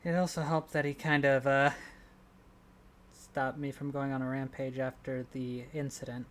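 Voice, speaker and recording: A man playing a loyal young male character in a tabletop role-play, speaking in a casual, halting, sincere way. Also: medium pitch, little pitch movement, fairly bright tone, lightly acted.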